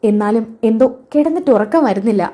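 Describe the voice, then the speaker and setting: A woman's voice: fairly high pitch, animated, fast talker, mellow. A woman voicing a young wife who cannot sleep for worry. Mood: troubled.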